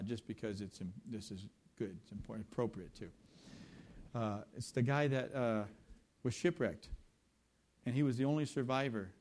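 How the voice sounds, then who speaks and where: A man preaching a sermon, shifting between scripture and lively storytelling. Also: mid-range voice. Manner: animated storytelling with conversational asides. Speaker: pastor.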